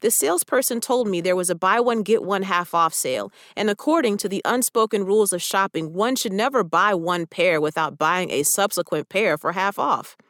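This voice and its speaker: A woman reads her personal essay aloud in a reflective, gently wry way. Her voice sits at a middle pitch. The sound is dry, with no room echo. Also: moderate pace, hardly any pauses.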